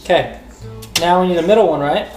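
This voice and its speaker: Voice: mid-range voice, quick pace. A parent chatting casually and playfully with young children, encouraging them and asking lots of questions. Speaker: parent vlogger. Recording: roomy echo with loud music behind.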